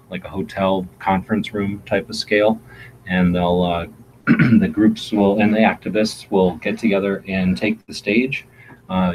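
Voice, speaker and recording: A man's voice: sits low, darkish tone, highs cut off, slight background noise. A man hosting a casual live-stream chat, rambling along with many fillers and restarts. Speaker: gun channel host. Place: home in Arizona.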